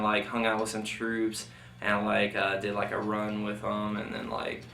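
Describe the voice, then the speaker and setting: Guy vet remembering his army days, creaky voice, rambly and informal, kinda echoey room. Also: lowish voice, pushed and bright. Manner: rambling, informal, heavy use of "like" and "you know". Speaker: military veteran being interviewed. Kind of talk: casual recollection of military service. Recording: roomy, distant mic, faint noise.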